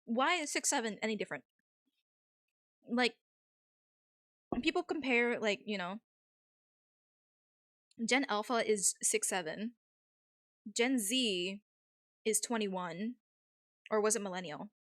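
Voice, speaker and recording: A woman's voice: mid-range voice, animated, slow, pauses often, fairly bright tone, no echo, clean studio sound. A woman livestream host talking casually and informally with her viewers.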